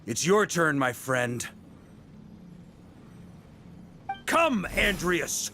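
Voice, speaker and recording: A man voicing a seasoned grandmaster of knights in a video game, calm and confident in his command. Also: fairly high pitch, slow, slight background noise, exaggerated voice. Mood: resolute.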